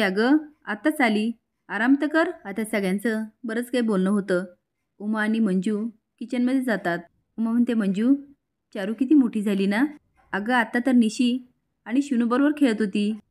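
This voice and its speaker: A woman retelling a TV serial episode, speaking the characters' quoted lines with emphasis. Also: fairly high pitch. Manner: narrates briskly, voicing each character's lines with rising emphasis.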